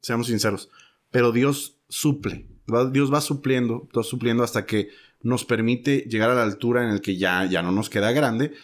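A man's voice: medium pitch, normal speed. A man, a podcast host in his thirties, interviewing and encouraging his guest with short affirmations. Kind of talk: casual interview.

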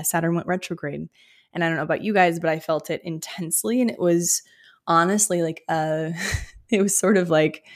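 A woman hosting a solo podcast, talking reflectively about astrology and healing with many pauses and fillers. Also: fairly low pitch. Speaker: podcast host.

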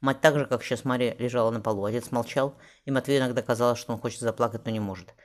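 A man reading a historical novel aloud as an audiobook narrator, in brisk scripted narration. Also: medium pitch, fairly even intonation.

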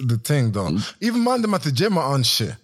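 A man's voice: mid-range voice, wildly swooping pitch, fairly quick. A man in his twenties with a London roadman accent, chatting casually in a group with joking, slang-heavy banter. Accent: London, urban slang-heavy roadman style. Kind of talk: casual group chat on camera.

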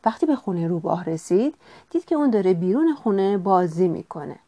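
A woman reading a children's storybook aloud with gentle, expressive narration. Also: medium pitch.

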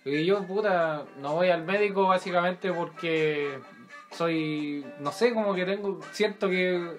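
A man with a Chilean accent and a high voice, co-hosting a casual podcast chat. He keeps chiming in with teasing, quick jokes, and clear guitar music plays behind him. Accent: Chilean Spanish. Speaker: podcast co-host.

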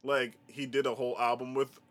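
A man's voice: mid-range voice, little pitch movement, brisk. A man hosting a podcast, chatting about music in enthusiastic, slangy banter. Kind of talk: casual chat.

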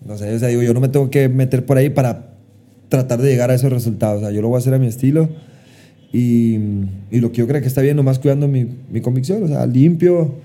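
A man's voice: mid-range voice, fairly even intonation, fast, dark tone. A man, a musician guest on a casual podcast, speaking in an earnest, drawling way as he explains at length. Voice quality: drawling delivery.

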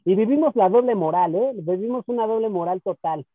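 A man hosting an interview, asking thoughtful, measured questions. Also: sits high, dry recording. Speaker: host. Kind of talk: interview conversation. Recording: tinny phone-like sound, dry.

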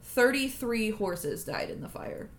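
A woman hosting a casual true crime podcast, telling the story in an animated way with swearing and laughter. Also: fairly high pitch, a little slow.

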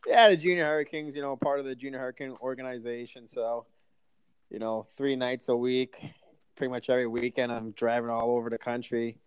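A man jokes and rambles as a podcast guest, full of "you know"s and restarts. His voice is smooth and clear. The recording is dry and close. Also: mid-range voice, level tone, fairly quick, no room sound. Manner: rambling, many fillers, joking. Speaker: guest, youth hockey coach. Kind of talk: casual podcast interview.

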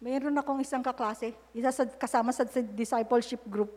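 A woman's voice: a little high, steady tone, brisk, a little mellow. A middle-aged woman preaching a sermon, telling candid personal stories and breaking into prayer mid-sentence. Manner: candid storytelling mixing English and Tagalog, praying aloud mid-sentence. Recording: long hall reverb.

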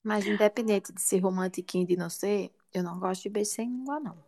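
A woman chatting casually with friends, quick and blunt, teasing them. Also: mid-range voice, warm tone. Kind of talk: casual chat among friends.

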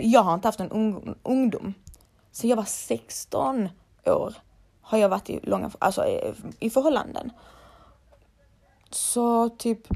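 A woman's voice: medium pitch, vocal fry, a little mellow. A young woman, a laser hair removal technician, chatting casually and bluntly to her followers and swearing freely.

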